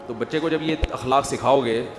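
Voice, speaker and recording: A man giving a humorous religious talk, acting out quoted voices and building to loud emphasis. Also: medium pitch. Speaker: Islamic preacher. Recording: echoey hall with faint music.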